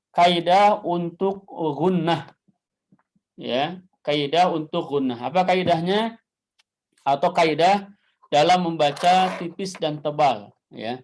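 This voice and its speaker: A man with an Indonesian accent teaching Quran recitation, chanting Arabic verses slowly and then explaining them, asking questions and answering them himself. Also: a little high. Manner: repeats key points and asks himself questions. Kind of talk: classroom lesson on Quran recitation. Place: classroom with a whiteboard.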